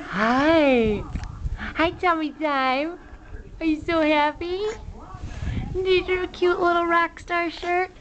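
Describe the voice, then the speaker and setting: Mother doing slow, very high baby talk, sing-song, dull lo-fi sound. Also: fairly bright tone. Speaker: mother talking to her baby.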